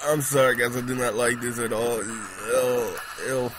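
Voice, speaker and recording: A man casually commenting on his own game as he plays, excitable and prone to repeating himself. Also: medium pitch, unhurried, music in the background, poor audio. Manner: excitable, repeats pleading words, laughs often. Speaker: gamer recording gameplay commentary. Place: at home on a laptop.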